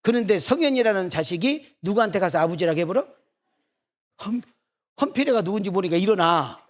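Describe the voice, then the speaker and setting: A middle-aged man preaches in a church with a high-pitched voice. He teases his congregation and throws out rhetorical either-or questions. He keeps the listeners engaged with banter. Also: animated, fairly quick. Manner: teasing, rhetorical back-and-forth questions. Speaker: senior pastor. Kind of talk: sermon.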